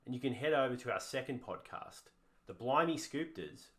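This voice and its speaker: A man's voice: medium pitch, animated, normal speed, a bit bright. A man co-hosting a comedic card review in a put-on broad Australian accent, hamming it up with slang. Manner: playful, hammy Aussie slang. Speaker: co-host.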